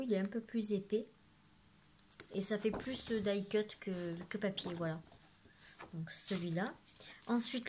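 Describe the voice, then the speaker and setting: A woman talks through a craft haul at home, filming herself on her phone. Her speech is casual and meandering, full of hesitations and little fillers. Her voice sits at an ordinary pitch, with a faint hiss of background noise. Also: a little mellow. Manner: chatty, rambling with frequent fillers and "voilà". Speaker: craft vlogger. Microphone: phone camera.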